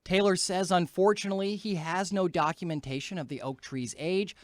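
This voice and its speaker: A young man reporting the news for local television, in a crisp, upbeat broadcast delivery. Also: high-pitched, a little fast, dry recording. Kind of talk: news reporting and live stand-ups.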